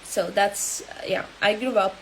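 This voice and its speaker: Woman in her 30s, talks real slow and halting on a live stream, faint hiss behind. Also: mid-range voice, steady tone, a bit bright, low-quality recording. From Angola. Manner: halting and hesitant, with many pauses. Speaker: health coach.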